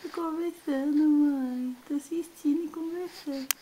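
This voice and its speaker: A woman voicing her baby girl talking to her mother in soft, slow, whiny baby talk. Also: high voice, steady tone. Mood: sweet, whiny.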